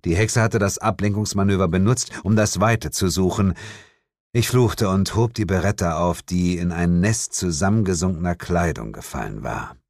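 A man's voice: sits low, moderate pace, a little mellow, no echo. A man narrating a first-person story as an audiobook, with dry, wry storytelling.

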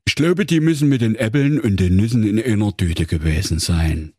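Man doing a husky dopey bear sidekick, fumbling and blustery, lively delivery, spoof fairy tale. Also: fairly low pitch, normal speed, no echo, studio quality. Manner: fumbling, sheepish excuses, sometimes blustering. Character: dim-witted, clumsy male bear sidekick. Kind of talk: comic fairy-tale parody.

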